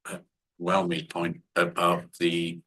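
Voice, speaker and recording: A man chairing a board meeting over a video call, measured and often repeating words as he thinks aloud. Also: deep voice, monotone, sharp tone, husky, poor audio.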